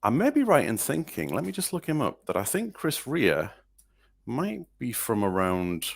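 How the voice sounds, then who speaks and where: With a medium-pitched, creaky voice that swings hugely in pitch, a man from northeast England co-hosts a podcast at a moderate pace. He chats loosely about songs, hesitating, restarting and filling gaps, and there's no echo.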